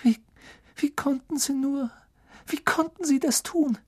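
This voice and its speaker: A reader putting on breathy frightened teen girl. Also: unhurried. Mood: distraught. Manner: high, breathy, hushed urgency. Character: frightened teenage girl witch. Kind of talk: audiobook character voice.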